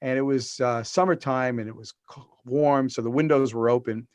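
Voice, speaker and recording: Speaking at normal speed with a medium pitch and fairly even intonation, a middle-aged man joins a video-call interview as a podcast guest and author. He tells long stories in a rambling way, restarting often and using fillers, and there's no echo.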